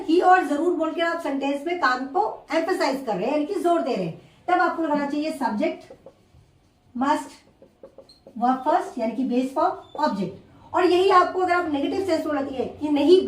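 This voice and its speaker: A woman teaching an English grammar lesson, explaining slowly and repeating each example word by word. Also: sits high, lively intonation. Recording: echoey room, far from the mic.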